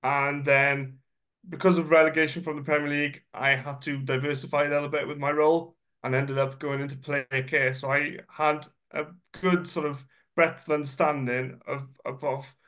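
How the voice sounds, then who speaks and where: A level tone, moderate pace and slightly bright quality mark this man's voice, which sits on the high side. In his 30s and speaking as a guest, he offers a chatty, self-deprecating personal presentation, sounding slightly nasal and congested from a cold and filling gaps with ums and uhs.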